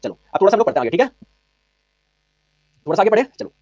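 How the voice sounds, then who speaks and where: A man's voice: high-pitched, very animated, rapid-fire, a little mellow, dry recording, muffled recording. A man teaching a physics exam-prep class, quizzing students with repeated questions.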